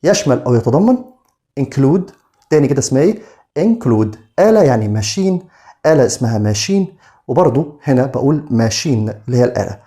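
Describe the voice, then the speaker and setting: A man with an Egyptian Arabic accent teaching English vocabulary to pupils, slowing down to spell out the English words. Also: medium pitch, lively intonation, dark tone.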